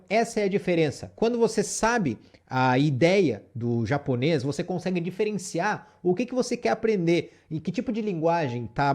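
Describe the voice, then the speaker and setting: A man's voice: on the high side, a little mellow. A man teaching a casual spoken lesson, explaining step by step and checking in with the viewer often. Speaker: Japanese teacher.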